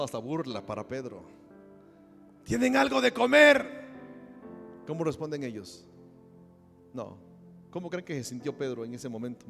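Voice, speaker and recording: A man from Mexico, a pastor delivering a sermon, who moves from a quiet personal story to loud, impassioned preaching. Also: mid-range voice.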